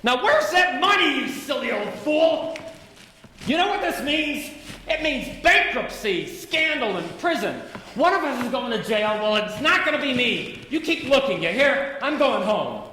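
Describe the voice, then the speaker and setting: A man acting a harried small-town banker and father in a stage radio play, urgent and emphatic, halting when rattled. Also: on the high side, big pitch swings, fairly bright tone. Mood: furious. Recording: echoey hall with background noise.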